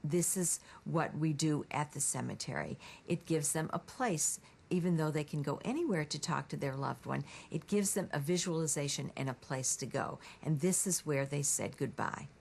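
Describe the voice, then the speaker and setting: A woman with a very low, gravelly voice that has a husky edge. She explains steadily in a documentary interview. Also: moderate pace, hardly any pauses, darkish tone.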